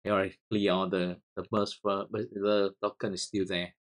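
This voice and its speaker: A software tutorial host whose first language is Vietnamese, and who has a Vietnamese accent, narrates a screen-recorded coding tutorial in a deep, level voice. He speaks haltingly and repeats words as he types commands.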